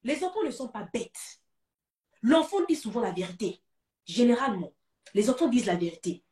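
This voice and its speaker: A woman's voice: fairly high pitch, very animated, normal speed, dark tone, echoey room, recorded from a distance. A woman with a Gabonese French accent giving advice to parents on a talk show, urging them in emphatic, repetitive exhortations.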